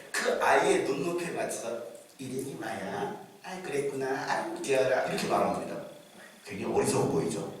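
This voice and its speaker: A middle-aged male pastor telling a story in a revival sermon, acting out the voices of the people in it. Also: on the low side. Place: church sanctuary. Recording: echoey church hall from far off.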